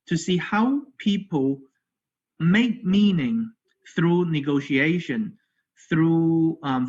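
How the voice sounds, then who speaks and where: Male academic presenter at a virtual conference, slightly high voice, halting delivery with fillers, dull lo-fi call sound. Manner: hesitant, frequent fillers and "okay" check-ins. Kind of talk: conference lecture. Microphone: video call.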